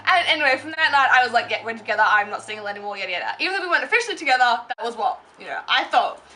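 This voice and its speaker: A woman's voice: a little high, expressive, racing, sharp tone. A young woman telling a rambling story-time vlog, full of fillers and restarts. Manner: rambling, filler-heavy, self-interrupting. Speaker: vlogger.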